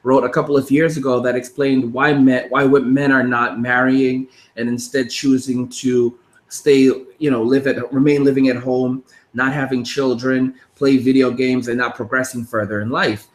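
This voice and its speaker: A man's voice: mid-range voice, little pitch movement, normal speed, reverberant. A man in his thirties hosting a casual interview, rambling, with frequent restarts. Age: 30s. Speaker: podcast host.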